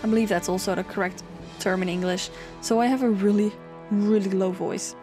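A young woman rambles casually while doing a Sims speed build, full of filler words. Her low singing voice keeps a steady tone at a slightly quick pace, with music playing underneath.

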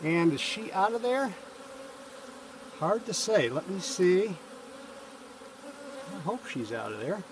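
A hobby beekeeper in a bee suit and veil calmly narrates a beehive check step by step as he works on a farm, in a casual how-to style. His voice is high-pitched and slow with long pauses, captured by an outdoor camera a few feet away amid noisy background and buzzing bees.

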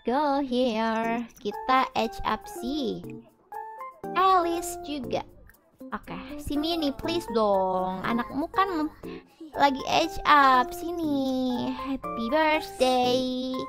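A woman's voice: high voice, very slow. A woman hosting casual gameplay commentary, chatty and tossing in English words. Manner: chatty, scatters English words through her speech. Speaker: gaming channel host. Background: background music.

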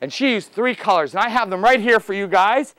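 A man's voice: sits high, a little fast, a bit bright, dry recording. A middle-aged man performing as a kids party magician, exuberant and theatrical, talking playfully to young volunteers and often raising his voice. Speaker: children's magician. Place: children's library room, performing before seated kids.

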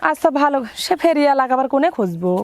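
A fussy village woman, played by a woman, chats and complains in a high voice. The recording is dry and close. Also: big pitch swings, rapid-fire, no room sound. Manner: complaining, chatty. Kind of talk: rural comedy drama acting.

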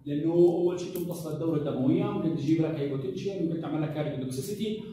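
Male lecturer, mellow, quick delivery, quizzes his class, recorded from afar in a reverberant room. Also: fairly high pitch. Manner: quizzing students with rhetorical questions; mixes English drug terms into colloquial Arabic. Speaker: pharmacology lecturer. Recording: echoey classroom from a distant mic with faint noise.

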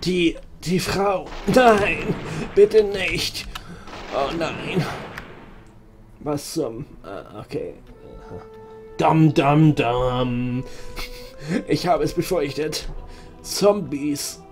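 A man with a German accent plays through a game on stream, reading the characters' lines aloud and muttering to himself between them. His voice sits a little high. Faint game music plays under his talk. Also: lively intonation, extremely slow, long pauses, darkish tone. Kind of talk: casual let's-play commentary.

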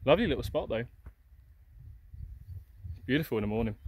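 Talking a little fast with lively intonation, a young man vlogs on an open hillside walk, addressing a handheld camera held at arm's length. His medium-pitched, darkish voice stays chatty and upbeat, dotted with fillers.

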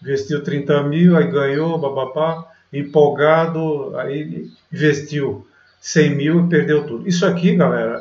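A man's voice: a little high, a little mellow. A man from Brazil hosting a day trading channel, talking over a screen recording of market charts in a chatty, filler-heavy way. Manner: chatty, filler-heavy, keeps saying "galera" and "né". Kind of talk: screen-share market commentary. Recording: roomy, distant, dull lo-fi mic.

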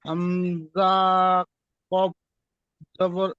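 A man's voice: sits high, level tone, no room sound. A male student in an online class, spelling out a Quran reading letter by letter over a network call that keeps breaking up. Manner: slow, halting letter-by-letter reading. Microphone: phone or computer on a video call. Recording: muffled, distant internet call audio.

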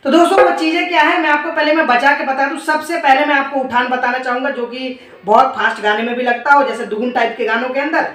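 High-voiced man teaching dholak. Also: fairly even intonation, sharp tone, echoey room, recorded from a distance. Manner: reciting drum syllables in quick rhythmic bursts; encouraging, addressing viewers as friends. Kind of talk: instructional video. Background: dholak drumming.

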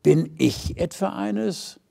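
A man's voice: sits high, expressive, slow, creaky, mellow, voice pushed up, heavily acted. A man voicing a tiny, naive young star in a storybook reading, asking innocent, wondering questions. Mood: curious.

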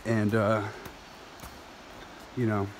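Guy in his 30s vlogging on a phone while hiking, excited and rambly, faint outdoor noise behind. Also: lowish voice, drawn-out words. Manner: enthusiastic, rambling, laughs often. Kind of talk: walking vlog narration. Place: outdoors on a steep jungle trail. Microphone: phone camera held at arm's length.

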